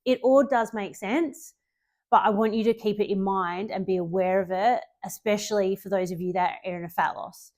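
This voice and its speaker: A woman coaching her clients through a relaxed spoken tutorial. She talks in a loose, chatty way at a middle pitch, filling gaps with ums and correcting herself as she goes. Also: normal speed. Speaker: fitness coach.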